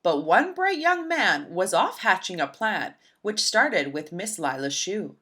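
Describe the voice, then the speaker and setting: A woman narrating a rhyming children's storybook aloud in an expressive, rhythmic, dramatic way. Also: mid-range voice, a little slow, breathy edge. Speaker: storybook reader.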